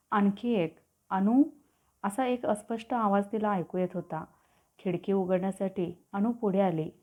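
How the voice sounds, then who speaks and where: Female storyteller, calm descriptive read, mid pitch, phone-thin sound. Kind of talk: scripted story narration. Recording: tinny phone-like audio.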